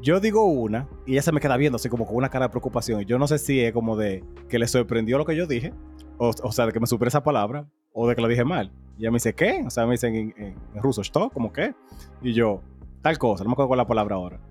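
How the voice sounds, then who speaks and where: A young man, co-hosting a casual podcast and telling animated stories with frequent laughter. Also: medium pitch, quick pace, soft background music. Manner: animated storyteller, laughs often. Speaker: podcast co-host.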